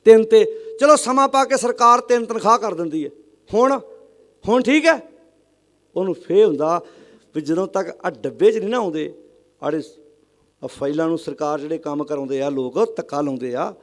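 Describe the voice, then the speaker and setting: A Sikh preacher with a high voice delivers a sermon to a congregation, pressing his points with rhetorical questions and calling on listeners to answer aloud. When he reaches lines of scripture, he slows down to chant them.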